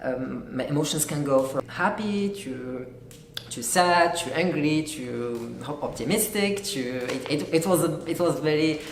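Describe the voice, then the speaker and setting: A young man from Algeria, giving an earnest, halting personal testimony as a graduate student. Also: on the high side, animated, gravelly. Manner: earnest, halting, searching for words. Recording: echoey room with faint noise.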